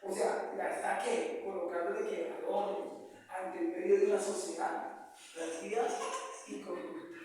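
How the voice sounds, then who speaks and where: A male pastor with a high voice delivers a sermon, asking his congregation questions and waiting for their answers. He is picked up from a distance in a big echoing church hall, with a faint hiss behind him. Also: fairly even intonation, unhurried, darkish tone. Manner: preaching with call-and-response questions to the congregation. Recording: echoey hall, distant mic.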